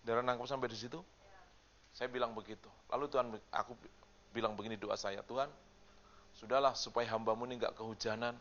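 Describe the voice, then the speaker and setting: A male pastor giving a sermon, moving between loud preaching and quiet storytelling and asking the congregation questions. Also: mid-range voice, steady tone, quick pace, pauses often, dull audio, a little hiss or hum.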